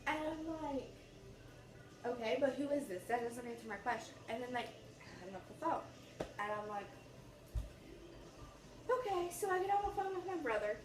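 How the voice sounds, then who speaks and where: A woman's voice: a little high, lively intonation, a little fast. A teenage girl with an American accent telling a story casually as a vlogger, animatedly acting out the dialogue as she goes. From United States. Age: teens, about sixteen. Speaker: YouTube vlogger. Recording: roomy echo, distant mic, faint noise.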